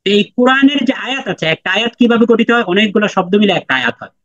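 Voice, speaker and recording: A man's voice: sits high, expressive, quick pace, fairly bright tone. A man teaching Quran letter pronunciation in a lesson, patiently repeating each sound for students to echo. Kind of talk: online class lesson. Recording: dry, dull lo-fi sound.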